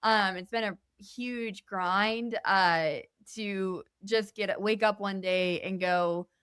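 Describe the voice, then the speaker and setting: A woman's voice: medium pitch, steady tone, slow, a bit bright, smooth, no echo, studio quality. A young adult woman talking as a guest musician in a casual podcast interview. She speaks candidly and earnestly, rambling with many fillers. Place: indoor podcast studio.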